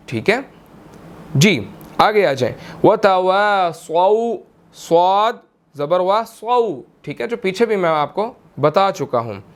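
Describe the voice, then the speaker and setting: A young man with a Pakistani Urdu accent teaches Quran recitation, patiently explaining and repeating words slowly to model their pronunciation, with slow melodic recitation between explanations. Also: high-pitched. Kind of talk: tajweed lesson, explaining and demonstrating.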